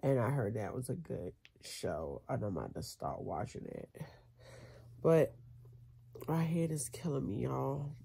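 A congested American woman with a creaky voice vlogs casually to camera while reclining in bed in her bedroom, recovering from nose surgery and dealing with a headache. Her pitch is extremely low and her tone warm, and she sounds animated while taking her time. A camera or phone at close range captures clear background noise in this home recording.

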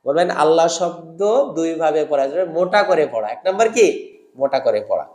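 A man teaching Quran reading, drilling rules in call-and-response and drawing out recited words slowly. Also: fairly high pitch, lively intonation, darkish tone, reverberant. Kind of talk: step-by-step lesson with slow drawn-out recitation drills.

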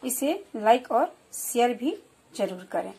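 High, husky-voiced woman teaching children. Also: very animated, mellow. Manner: slow, clear explaining with repeated example words. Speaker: primary school teacher. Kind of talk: children's Hindi lesson.

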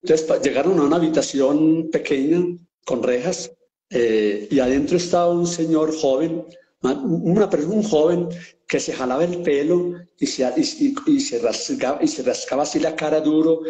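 Man telling a joke in a roomy space. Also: fairly high pitch. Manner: unhurried, with false starts and acted shouts. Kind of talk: storytelling a joke in casual chat.

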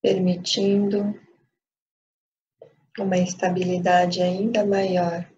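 In a guided meditation, a Brazilian teacher speaks calmly in short phrases separated by long pauses. Her pitch is fairly low, and the recording sounds dull and lo-fi with light background noise.

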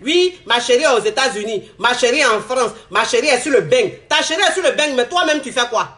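A man with an Ivorian accent, stuffy from a cold, speaking in a notably high voice. He delivers casual advice to his viewers, circling back over the same phrases and leaning on street slang as he addresses them directly. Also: expressive, fairly quick, sharp tone. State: has a cold. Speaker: relationship advice vlogger.

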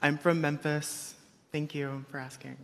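Delegate at a floor mic, slightly high-pitched male voice, long echoing hall reverb. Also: level tone, a little slow. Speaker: convention delegate. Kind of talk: floor questions and debate speech. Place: large convention hall. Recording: echoey large hall.

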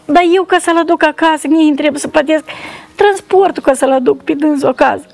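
A woman with a very high voice tells her family's story for a charity. She speaks in a pleading, repetitive way and comes back to the same phrases again and again. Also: gravelly, darkish tone. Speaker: mother seeking charity help. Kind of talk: emotional testimony.

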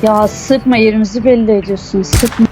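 A woman's voice: fairly high pitch, fairly even intonation, moderate pace, background noise. A woman chatting and complaining with friends over a headset during a game. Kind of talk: casual gaming chat with friends.

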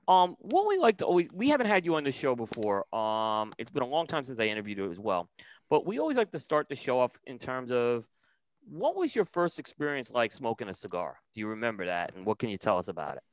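A man's voice: mid-range voice, huge pitch swings, rough recording. A middle-aged man hosting an interview, talking with enthusiasm and lots of fillers into a headset mic in a small studio. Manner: enthusiastic, halting, many fillers. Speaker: show host. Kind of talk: casual interview. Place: studio with logo backdrop.

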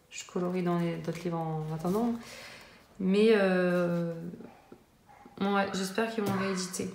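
A woman's voice: medium pitch, darkish tone. A woman in her thirties casually chatting about her coloring books, full of fillers and restarts. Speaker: coloring-book vlogger. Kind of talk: casual chat showing her book collection. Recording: echoey room with faint noise.

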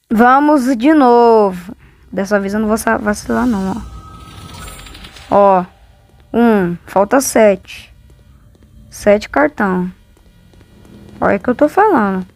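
A woman's voice: medium pitch, darkish tone. A woman with a Brazilian accent giving casual, exclamatory, complaining commentary as a gamer playing along.

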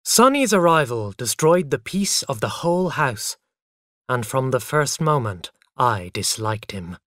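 A narrator telling a first-person story for English learners in a lively way. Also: medium pitch, measured pace, no room sound, studio quality.

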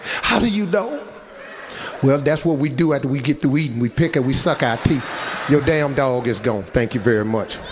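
A middle-aged man doing stand-up comedy, telling a story in an animated, loud, rambling way. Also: mid-range voice, moderate pace, big-room sound, background noise. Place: comedy club stage.

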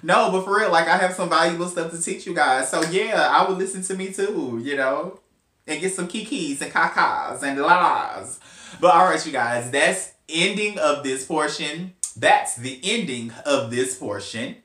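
A man's voice: fairly high pitch, normal speed, sharp tone. A man, chatting casually as a hair stylist vlogger, rambling with playful asides. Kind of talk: casual hair tutorial chat. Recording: roomy with faint hum.

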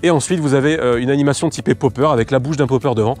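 Fast-talking guy explaining outdoors. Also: mid-range voice, a little mellow, soft background music. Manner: fast, loose explanations with many fillers. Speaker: fishing lure presenter. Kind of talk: casual product demo. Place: outdoors by the water.

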